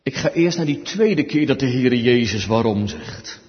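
A man preaching a sermon slowly and emphatically, swinging between hushed and loud passages. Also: medium pitch, lively intonation. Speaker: pastor. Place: church. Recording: dull sound with long church reverb.

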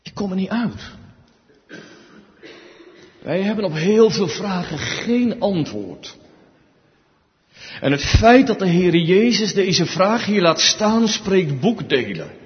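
Male pastor, high and animated voice, sermon in a reverberant church on dull audio. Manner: slow, emphatic preaching with big swings between hushed and loud.

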